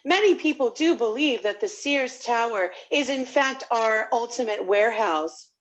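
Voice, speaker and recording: A woman's voice: fairly high pitch, lively intonation, normal speed, low-quality recording. A woman playing a courteous, apologetic call center agent in improvised customer service talk. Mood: polite, helpful. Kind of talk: improvised customer service phone role-play.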